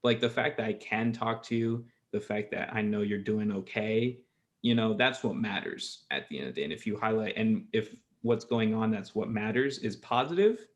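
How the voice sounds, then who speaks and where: A young man in his twenties with a lowish voice, chatting loosely with a friend on a podcast. He rambles, restarts his sentences and laughs easily. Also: moderate pace. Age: 20s. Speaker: podcast host. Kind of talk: casual chat.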